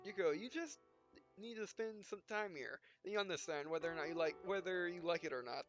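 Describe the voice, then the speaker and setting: A high-pitched man speaking briskly hosts a let's play video, reading the game's dialogue aloud in a rambling, stumbling way full of filler syllables and asides. His mic sounds muffled and lo-fi, with game music playing behind him.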